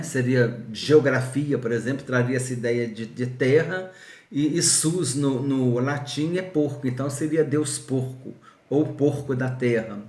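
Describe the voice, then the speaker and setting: A man's voice: medium pitch, darkish tone. Bible teacher man in an echoey room. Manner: explanatory, many restarts and repeated words. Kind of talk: recorded video lesson.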